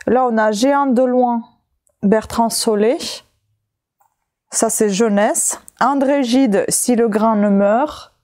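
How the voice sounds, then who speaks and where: Slow, soft-voiced woman listing books. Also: fairly high pitch. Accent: French-speaking with a non-native accent. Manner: slow, hesitant listing with many fillers. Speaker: vlogger showing found books. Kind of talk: casual haul video chat.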